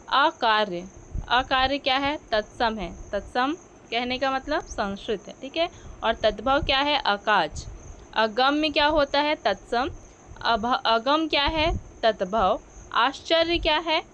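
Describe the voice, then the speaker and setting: High-voiced woman teaching slowly. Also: a bit bright, slight background noise. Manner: explains with questions she answers herself, self-corrects. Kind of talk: Hindi grammar lesson.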